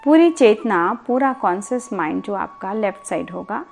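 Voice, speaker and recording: A yoga instructor leads a sleep meditation, calm, soothing and deliberate, pausing and repeating words. Her medium-pitched voice has some vocal fry, with faint music in the background.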